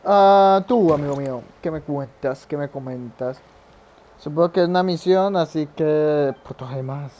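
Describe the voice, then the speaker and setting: Excitable, foul-mouthed male gamer. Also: a little high, moderate pace, slight background noise. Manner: profane, excitable, blurts sound effects. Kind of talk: casual gameplay commentary.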